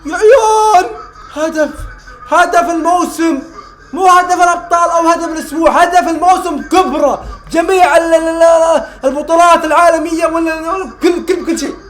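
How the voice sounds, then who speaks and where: A young man reacting live to a football match, exclaiming and repeating phrases, shouting at goals. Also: extremely high pitch, steady tone, a little fast, faint music behind. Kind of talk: excited live reaction commentary.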